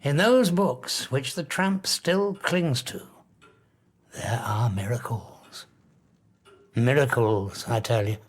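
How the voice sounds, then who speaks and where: Griffin, an obsessive, slow-spoken scientist. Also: male voice, mid-range voice. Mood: grandiose, scornful. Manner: emphatic, lecturing, with dramatic pauses. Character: obsessive, grandiose male scientist, arrogant and intense. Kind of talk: dramatised audiobook acting.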